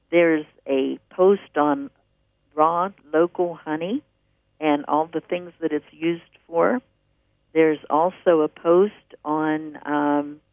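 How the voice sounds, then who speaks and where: A man's voice: on the high side, dry recording. A man hosting a radio show, chatting enthusiastically and rambling as he plugs classes and articles. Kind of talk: casual promotional radio talk. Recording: narrow dry phone-like radio audio.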